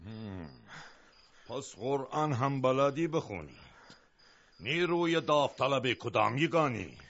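An actor playing a mocking, falsely hospitable interrogator in a war film, who swings from coaxing to sharp questions. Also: male voice, mid-range voice, animated. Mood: sharp, probing. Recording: dull, slightly noisy film soundtrack.

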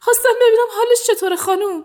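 A woman voicing a distraught young wife who is crying, talking fast and breathless in an audiobook drama. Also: extremely high pitch, steady tone, darkish tone. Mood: sobbing, frantic. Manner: breathless, rushed, tearful.

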